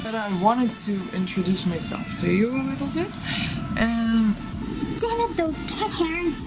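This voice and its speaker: A Russian woman whose first language is Russian, speaking with a Russian accent, chats casually to camera as a vlogger in a rambling, giggly way. Her voice is a little high, animated, and a little slow. The recording is low quality, with music playing behind her.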